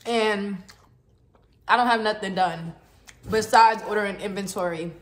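A woman's voice: medium pitch, measured pace, roomy sound. A young woman, talking casually to her viewers about her lash business while she eats. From Texas. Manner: chatty, addresses viewers as y'all. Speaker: lash business owner and vlogger. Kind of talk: casual vlog chat to viewers.

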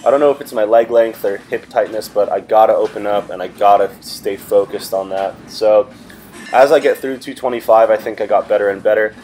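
A man's voice: lowish voice, fairly quick, a little hiss or hum. A young man in his twenties, a fitness vlogger talking casually over his workout footage and addressing viewers as guys. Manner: relaxed, chatty, talks to viewers as "guys". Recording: music playing underneath.

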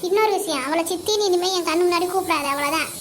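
A sharp-tongued cartoon mother, as a woman voices her, scolds in a harsh, bossy way. The voice sits very high and bright. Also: very fast, a little hiss or hum. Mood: scolding. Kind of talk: cartoon dialogue acting.

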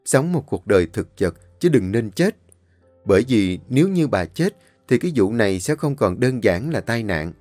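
A man narrating a story, reading in a steady, measured way. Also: mid-range voice, no echo, faint music behind.

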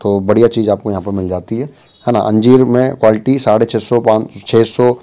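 A man's voice: lowish voice, flat delivery, brisk, mellow. A young man vlogging casually from an outdoor market, chatting and repeating himself as he walks through. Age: young adult. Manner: chatty, repetitive, keeps saying "bhai" and "theek hai". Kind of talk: casual market walkthrough vlog. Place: outdoor open-air market.

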